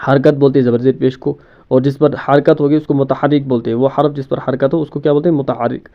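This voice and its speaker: Brief: male teacher, mid-pitched voice, patient repeat-and-quiz delivery, muffled lo-fi recording. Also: flat delivery. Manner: asks a question then answers it himself; repeats terms, mixes in English words. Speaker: Arabic grammar teacher. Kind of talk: classroom-style lesson explanation.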